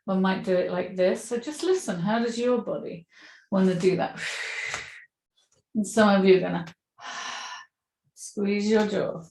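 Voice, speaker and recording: A woman yoga instructor guiding a movement class with gentle, encouraging cues. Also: mid-range voice, measured pace, creaky, pauses often, a little hiss or hum. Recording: echoey room.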